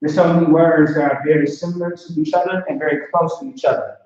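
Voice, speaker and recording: This male language teacher talks quickly in a steady, darkish voice during an informal online lesson. He's chatty and repetitive, often making sure the learner follows. The sound is distant and boomy, from a lo-fi mic in a very echoey room.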